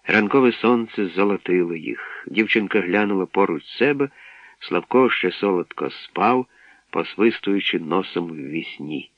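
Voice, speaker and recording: A man narrating an audiobook in a calm, measured storytelling manner, on a dull lo-fi radio recording. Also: low voice, no echo.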